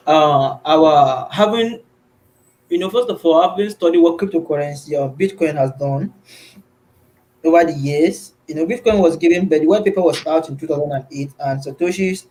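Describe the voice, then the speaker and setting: A man's voice: fairly high pitch, darkish tone, rough recording. A man from Nigeria hosting an online community call, earnest and repetitive, with many fillers. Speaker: host. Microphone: video call.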